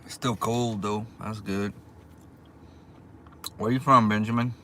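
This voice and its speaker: Male livestreamer, low-pitched, casual and unhurried chat with viewers, recorded in a car with faint background noise. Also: fairly even intonation, bright, forceful tone. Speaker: livestream host, small YouTube channel. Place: inside a car.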